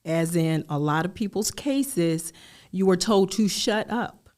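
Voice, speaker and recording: A middle-aged woman shares her story as a podcast guest, taking her time over each phrase. Her voice sits somewhat low and comes through smooth and clear, in a measured, open manner. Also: expressive, a little mellow. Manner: slow, measured, candid. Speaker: guest, life coach. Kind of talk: podcast interview.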